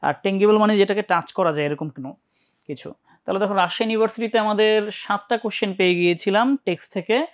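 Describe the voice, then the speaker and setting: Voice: mid-range voice, fast. Bangladeshi tutor checking in with students. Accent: Bangladeshi Bengali. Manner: checks in often, asks students questions. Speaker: English admission-test teacher. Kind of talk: live online class lecture.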